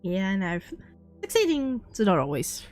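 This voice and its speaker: A woman hosts a let's play, reading a game's narration aloud and reacting as she goes. Her talk is chatty and mid-pitched. A soft music bed runs quietly behind her. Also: sing-song, measured pace. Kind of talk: reading game text aloud and commenting.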